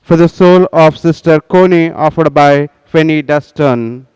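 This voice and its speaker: A priest, presiding at Mass and speaking into a church microphone in solemn, measured tones. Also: male voice, on the high side, darkish tone, smooth. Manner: solemn, measured liturgical intoning. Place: large cathedral, indoors. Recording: long reverb of a large cathedral.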